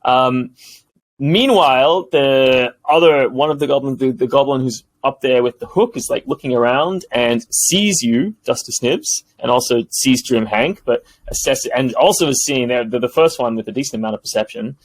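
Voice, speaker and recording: A man narrating a tabletop game as game master, in a lively, animated way. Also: medium pitch, moderate pace, rough recording.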